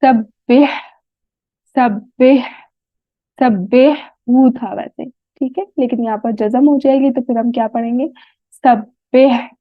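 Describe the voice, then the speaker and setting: A woman with a Pakistani Urdu accent teaching a tajweed lesson, sounding out Arabic words slowly and often checking "right?" with her students. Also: on the high side, no echo. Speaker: Quran recitation teacher. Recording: tinny phone-like dry audio.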